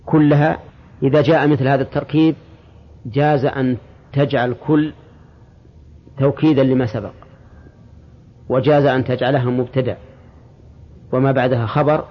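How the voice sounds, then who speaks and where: A man's voice: medium pitch, steady tone, a little fast, pauses often, lo-fi sound. Man teaching a lesson, quizzing students. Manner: explains step by step and quizzes students with short questions. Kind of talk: religious classroom lesson.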